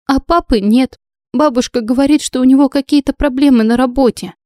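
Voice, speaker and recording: A woman's voice: sits high, fairly even intonation, brisk, warm tone, dry recording, studio quality, voice pushed up, natural voice. A woman voicing a clingy, tearful little girl in an audiobook.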